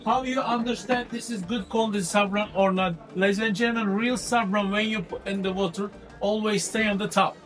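Man, high-pitched spice-stall salesman pitching in broken English, taken from a camera across the shop. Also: steady tone, a little fast, few pauses, fairly bright tone, faint music behind. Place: busy spice shop indoors. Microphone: far camera.

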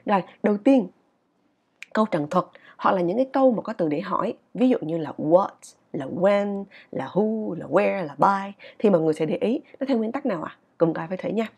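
Female English teacher, husky tone, lively swooping pitch, chatty classroom manner. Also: fairly quick. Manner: animated, chatty, checks in with listeners often. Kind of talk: casual video lesson.

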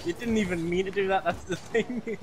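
A man bantering casually over a video game in an excitable, jokey, sweary way. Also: high-pitched, brisk. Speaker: gamer.

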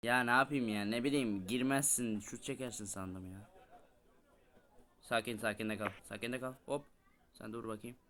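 A young man casually commentating his own gameplay as the host, chatting excitably with teammates. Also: medium pitch, moderate pace. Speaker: gaming video host.

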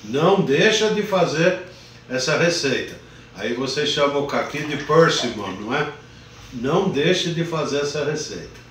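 An older man, hosting a casual live cooking show at home, chats at an easy pace and greets his viewers by name. He sounds fairly high-pitched, expressive and a bit bright at a moderate pace. The phone camera sits far away, giving kitchen echo and a little hiss or hum.

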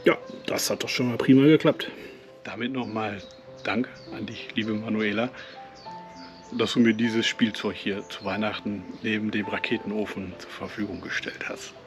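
Music and sizzling food fill the background as a Westphalian man explains an outdoor cooking demo at a camp stove in a casual way, correcting himself here and there and using fillers. His accent is Westphalian German. He speaks at normal speed in a fairly low, steady voice.

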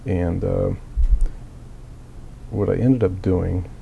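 In a casual tutorial, a miniature hobbyist recovering from a cold walks methodically and plainly through a hobby build, coughing at times and using frequent fillers. His voice is low, creaky and dark, with a steady tone; he takes it slowly, and slight background noise is present.

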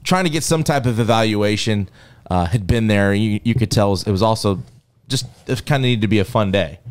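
A man co-hosting a casual sports podcast, telling stories with excitement, swearing and laughing at himself. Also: fairly low pitch, brisk, clean tone. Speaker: podcast co-host.

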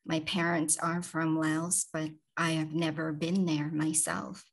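A woman in her forties talks slowly and evenly over a video call, with a low-set, flat voice. She speaks in calm, measured short phrases, with pauses between them. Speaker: author guest. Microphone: video call, computer mic.

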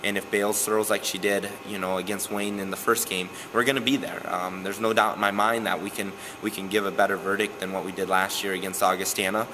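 Low-voiced young man coaching, earnest. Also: a little fast, few pauses, background noise. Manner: earnest, steady, frequent "um" fillers. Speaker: softball coach. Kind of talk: postgame interview. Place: gym, indoors.

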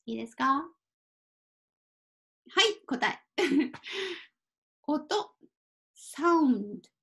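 Female language teacher, high voice, unhurried, careful delivery, slips into simple English to explain. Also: very animated, creaky, a bit bright. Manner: apologizes and laughs at her own typo. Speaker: Japanese teacher. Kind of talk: kanji reading lesson.

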